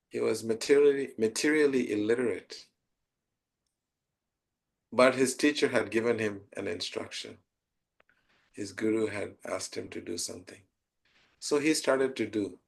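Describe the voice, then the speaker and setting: A man, a spiritual teacher, answering a question by slowly telling a devotional story in a soft, tender way. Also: mid-range voice, gravelly. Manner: slow, tender storytelling with soft trailing phrases.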